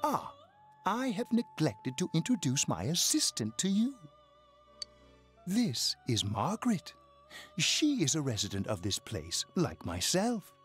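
Video game role: mysterious old fortune teller, husky, wildly swooping delivery, music underneath. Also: male voice, a little high, wildly swooping pitch, a bit bright, exaggerated voice. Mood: solemn, courteous. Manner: theatrical fortune teller, slow, portentous. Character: eerie, long-nosed old male fortune teller, amused and mysterious. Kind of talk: scripted video game dialogue. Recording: game audio over background music.

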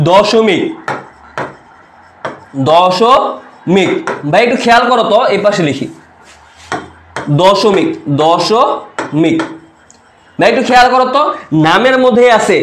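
A man's voice: high-pitched, reverberant, a little hiss or hum. A male teacher giving an online class lecture, casually quizzing students and repeating each term several times. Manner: repeats key terms, quizzes students with quick questions; casual, calls students "bhaiya".

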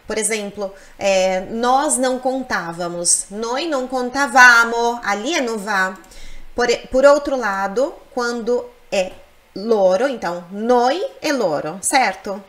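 A woman teaching Italian in a lesson, explaining slowly and repeating words to model their pronunciation. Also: medium pitch. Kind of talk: language lesson.

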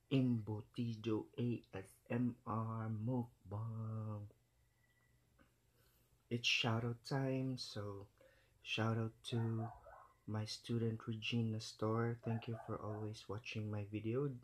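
Filipino man, ASMR food vlogger signing off, unhurried and soft. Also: medium pitch. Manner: slow, gentle, mixes Filipino and English. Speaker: mukbang vlogger. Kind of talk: soft-spoken ASMR sign-off.

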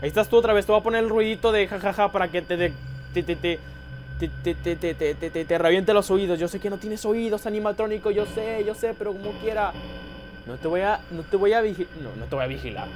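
A man giving excited horror gameplay commentary, jumpy, repeating words and crying out. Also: high-pitched, fairly quick, faint music behind.

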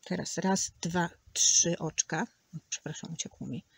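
A woman's voice: lowish voice, measured pace, gravelly, husky, dry recording. A woman teaching a crochet tutorial, patiently counting stitches aloud and sometimes dropping to a near whisper. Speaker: crochet instructor.

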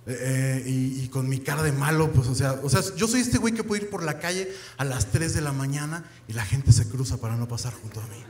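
Young Mexican male comic, crude deadpan delivery, slightly high voice, echoey room. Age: young adult. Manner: crude, deadpan storytelling with lots of slang. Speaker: stand-up comedian. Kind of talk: stand-up comedy set. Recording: echoey club with crowd noise.

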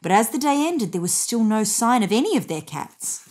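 A woman's voice: a little high, sing-song, normal speed, a little mellow. A woman in her thirties reading a children's story aloud expressively as a narrator. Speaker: storybook reader. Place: indoors on a bed.

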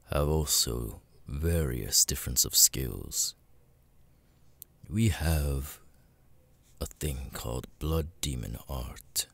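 Calm but boastful, the demon lord of this ASMR audio roleplay is voiced by a man with a bass voice in an exaggerated, breathy, gravelly style that often drops near a whisper. He is cold, menacing and seductive, pausing slowly and deliberately, with no room sound audible.

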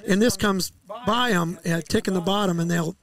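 A middle-aged man with a fairly high, gravelly voice talks shop as a fishing guide. He explains things in an easygoing way, with fillers and restarts. He speaks into a headset mic out on a lakeside deck. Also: moderate pace, fairly bright tone. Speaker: walleye fishing guide, podcast guest. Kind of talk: casual interview. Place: outdoor deck by a lake.

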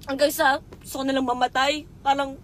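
High-voiced woman, raw and tearful. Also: flat delivery, a little fast, fairly bright tone, a little hiss or hum. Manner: raw, tearful at times, swears often. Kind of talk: emotional live confession.

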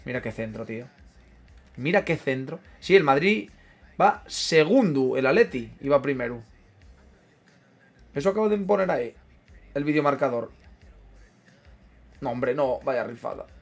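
Excitable Asturian man commentating his game. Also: medium pitch, a little slow, creaky, pauses often, faint music behind. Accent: Asturian Spanish. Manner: excitable, swears freely, repeats himself, reacts loudly to plays. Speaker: gaming streamer. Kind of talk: casual live commentary over a football video game.

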